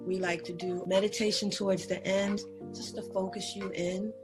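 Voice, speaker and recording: A woman's voice: medium pitch, little pitch movement, normal speed, over music, poor audio. A young woman teaching laughter yoga, chanting, clapping and breaking into hearty laughter as she guides the group. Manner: chants and claps, bursting into hearty demonstration laughter. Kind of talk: leading a laughter yoga session.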